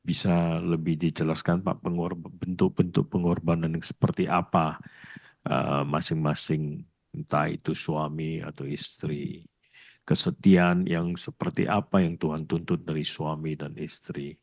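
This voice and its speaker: A man's voice: extremely low pitch, flat delivery, a little slow, gravelly, no echo. A male moderator asking a pastor a question politely and deferentially, at some length.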